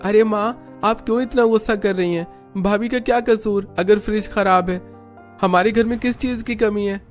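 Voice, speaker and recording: A man's voice: a little high, steady tone, normal speed, darkish tone, soft background music, close to an everyday voice. A man voicing an earnest, protective young brother-in-law in a cartoon. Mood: indignant. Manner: earnest, indignant.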